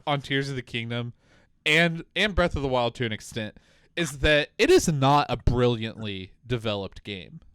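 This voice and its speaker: A man co-hosting a casual gaming podcast chat, talking in an animated way, swearing freely and mock-quoting game developers. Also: medium pitch, normal speed, smooth, no echo. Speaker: podcast co-host.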